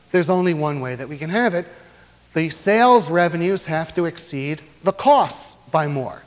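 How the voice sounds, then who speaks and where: A male lecturer speaking with a somewhat high voice, working through his points slowly and deliberately, pausing often to find the next word. His talk carries a long, ringing reverb, as if captured in a large lecture hall. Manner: measured, deliberate explaining with frequent "uh" pauses. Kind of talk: academic lecture.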